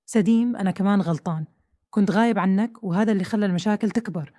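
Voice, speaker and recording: Brief: woman reading a blunt Saudi husband, quick delivery, warm dark tone. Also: medium pitch, no room sound, studio quality, natural voice. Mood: remorseful. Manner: blunt, demanding questions. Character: Saudi husband, stern then remorseful. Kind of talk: storytelling dialogue.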